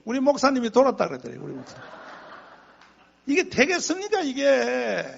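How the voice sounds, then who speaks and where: Gravelly, husky-voiced male preacher. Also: sits high, lo-fi sound. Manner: emphatic, repeats phrases for effect; animated storytelling with chuckling asides. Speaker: pastor. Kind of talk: sermon to a congregation.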